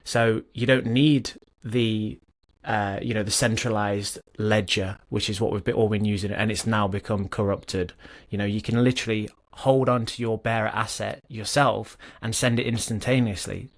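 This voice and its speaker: Low-voiced chatty podcast co-host. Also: male voice, steady tone. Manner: chatty, self-correcting, pauses to comment. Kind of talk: casual chat and reading a book aloud.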